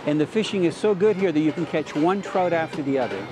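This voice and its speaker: A man's voice: fairly high pitch, expressive, fast. A middle-aged man hosting a fishing show outdoors by a mountain river, explaining each catch with enthusiasm. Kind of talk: on-location fishing narration.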